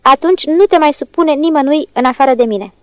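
A woman's voice: sits high, no room sound, studio quality, close to an everyday voice. A woman voicing a stern, contemptuous older male lawyer who speaks curtly and condescendingly in a storybook reading. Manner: curt, condescending.

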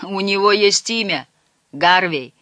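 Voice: medium pitch, unhurried, bright, forceful tone, no echo, voice pushed up. A reader voicing a cheeky, teasing teenage fisherman's son in an audiobook. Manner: teasing, cocky.

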